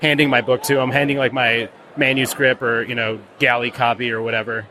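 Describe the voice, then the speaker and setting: Brief: mid-pitched man, loose rambling talk, faint ambient noise behind. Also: little pitch movement, a little fast. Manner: rambling, lots of "like" and restarts. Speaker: comics creator. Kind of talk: casual interview answers.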